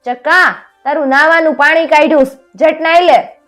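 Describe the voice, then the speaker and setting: A woman voicing a busy village mother, calling out loudly and hurrying her son. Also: high voice, very fast, faint music behind, pitched above the performer's own voice, close to an everyday voice.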